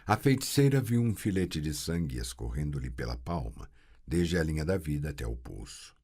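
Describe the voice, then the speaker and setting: A man narrating an audiobook with a very deep, husky voice. He reads slowly with lively rises and falls in pitch, full of suspense. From Brazil. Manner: slow, expressive storytelling. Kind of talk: scripted narration.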